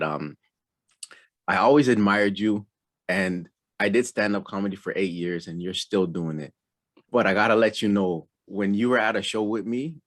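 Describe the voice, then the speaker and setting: A man hosting a casual interview, a former stand-up comic, encouraging his guest with frequent affirmations. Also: low-pitched.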